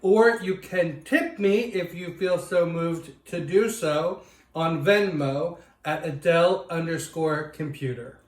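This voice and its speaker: A woman hosting a parody cooking and craft show, explaining each step with gushing, playful over-excitement. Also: lowish voice, takes it slowly, low-quality recording. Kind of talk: mock-earnest cooking and craft demo.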